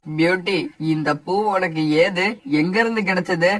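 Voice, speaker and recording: A man's voice: high-pitched, steady tone, moderate pace, fairly bright tone, no room sound, recorded from a distance, low-quality recording. A man voicing a caring father sparrow in a cartoon story, calling out and questioning his daughter. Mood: concerned. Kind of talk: cartoon voice acting.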